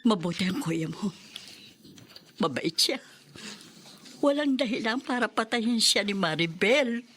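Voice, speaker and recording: A woman's voice: mid-range voice, lively intonation, unhurried, pauses often, a bit bright. An actress playing a bitter, grieving, plaintive older mother in old radio show acting. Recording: noisy background ambience.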